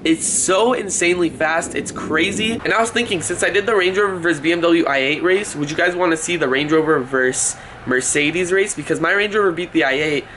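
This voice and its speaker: In this casual vlog, shot on a handheld camera held at arm's length in a family home, a young American man talks briskly with hardly a pause. His voice is slightly high and sharp, his speech youthful and full of slang, and background noise comes through clearly.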